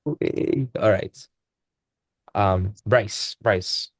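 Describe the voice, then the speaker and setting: A man's voice: on the low side, very slow, husky, dry recording. A young man, tutoring maths in a casual online class. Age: young adult. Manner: casual, laid-back teaching with dialect speech. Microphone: video call.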